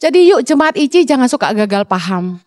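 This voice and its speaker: Woman pastor, high voice, animated sermon, humorous asides, dry close sound. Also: brisk, no echo. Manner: animated, shifts between loud high exhortation and low mock-calm; humorous, colloquial asides to the congregation. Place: church stage.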